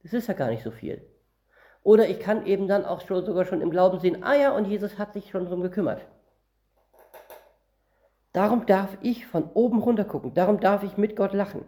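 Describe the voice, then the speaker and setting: Here a man's high-pitched, dark-toned voice moves a little fast, broken by long pauses. He comes from northern Germany and is preaching on the Bible, reading passages aloud and explaining them word by word in a chatty way.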